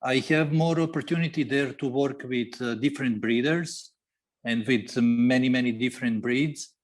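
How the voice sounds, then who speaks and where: A man, a guest veterinarian on a podcast interview, speaking haltingly with many fillers and grammar. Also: mid-range voice. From Serbia. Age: 40s.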